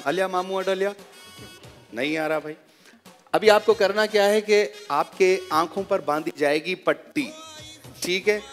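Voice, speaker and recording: A man's voice: sits high, a little slow, long pauses, big-room sound, soft background music. A man hosting a live game show, bossy and jokey as he calls out teasing commentary.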